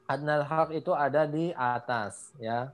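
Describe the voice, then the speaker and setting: A man teaching Quran recitation in an online lesson over a video call, explaining casually and stretching out example slowly. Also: medium pitch. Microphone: computer or phone mic on a video call.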